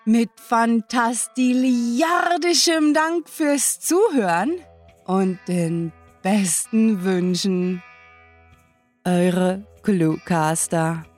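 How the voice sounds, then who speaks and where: A woman hosting a podcast, delivering a tongue-in-cheek TV shopping-channel sales pitch with exaggerated, bubbly hype. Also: very slow, a little mellow, faint music behind. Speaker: podcast host.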